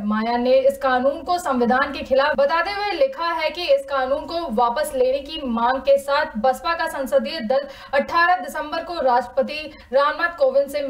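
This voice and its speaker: A high-pitched woman reads a news bulletin in a brisk, steady scripted delivery. She sounds set back from the microphone, and the room gives her voice a clear echo. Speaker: news anchor. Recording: echoey room, distant mic.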